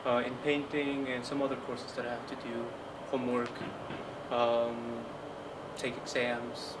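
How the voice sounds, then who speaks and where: This is a Franciscan friar and painting student from Colombia, a young man in his twenties with an even, medium-pitched voice. Speaking in brief, hesitant phrases, he shares personal reflections in an interview while ambient noise is clearly audible.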